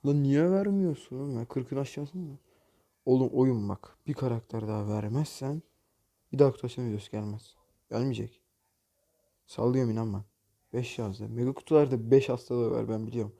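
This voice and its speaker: A man's voice: mid-range voice, steady tone, a little fast, gravelly, mellow. A man hosting a gaming channel, commenting on opening loot boxes in a mobile game, exasperated and jokey, often cursing at the game.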